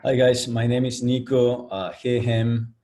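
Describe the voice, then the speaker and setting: A man's voice: mid-range voice, little pitch movement, unhurried, warm tone. A man introducing himself to his class on a video call, hesitant and searching for words. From Argentina.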